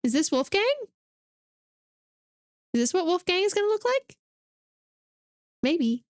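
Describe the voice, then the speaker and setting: A woman's voice: extremely high pitch, expressive, unhurried, no room sound, clean studio sound. A woman giving casual, joking commentary as she plays a video game. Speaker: game streamer.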